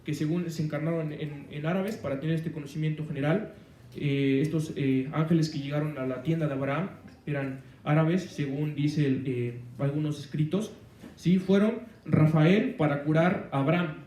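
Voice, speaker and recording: A man's voice: on the high side, steady tone, moderate pace, mellow, reverberant, recorded from a distance, a little hiss or hum. A man preaching a sermon on the weekly Torah portion, rambling, with many fillers and restarts.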